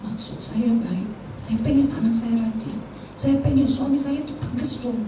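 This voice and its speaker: A woman's voice: sits high, very animated, moderate pace, reverberant, recorded from a distance, noisy background, pitched above the performer's own voice. A woman preacher voicing a frustrated, tearful woman teacher who complains in an exasperated, whiny way. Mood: upset.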